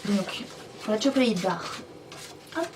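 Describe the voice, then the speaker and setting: Woman beauty vlogger, chatty and rambling, mellow tone, a little far from the camera mic, faint background hiss. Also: mid-range voice, measured pace. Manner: chatty, rambling, self-deprecating. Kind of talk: casual makeup review and swatching.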